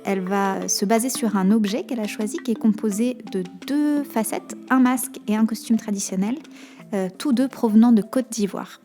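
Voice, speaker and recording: A woman hosting a podcast, introducing her guest and asking questions. Her voice sits a little high and sounds mellow. Faint music plays softly behind her. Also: normal speed. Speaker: podcast host.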